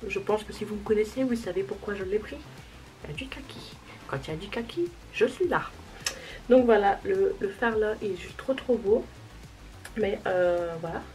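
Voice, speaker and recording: A woman's voice: mid-range voice, moderate pace, darkish tone, soft background music, low-quality recording. A young woman chatting casually through a makeup tutorial, self-deprecating and talking while she applies products. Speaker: beauty vlogger.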